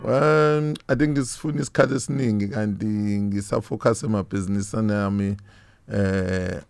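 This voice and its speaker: A man's voice: fairly low pitch, fairly even intonation, normal speed, creaky, darkish tone, clear, resonant tone, soft background music. A South African man with a Zulu accent, speaking casually as an interview guest and switching between languages. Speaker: interview guest, lounge owner.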